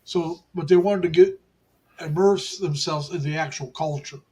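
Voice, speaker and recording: A man's voice: fairly high pitch, moderate pace, crowd noise. A man in his sixties chatting casually on a livestream, rambling and often restarting his phrases. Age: 60s. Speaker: co-host.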